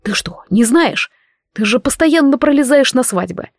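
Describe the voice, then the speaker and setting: A woman voicing a male necromancer lord who speaks quietly, in a smooth, insinuating and sarcastic way. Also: sits high, lively intonation, normal speed, no room sound, clean studio sound, voice pushed up. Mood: quietly mocking.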